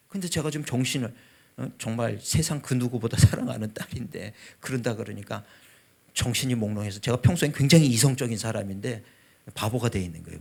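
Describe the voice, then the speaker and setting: A man in his fifties, a pastor, telling a personal testimony in a revival sermon with a husky voice, swinging from loud to hushed. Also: mid-range voice. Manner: emotional storytelling, voice rising and dropping sharply.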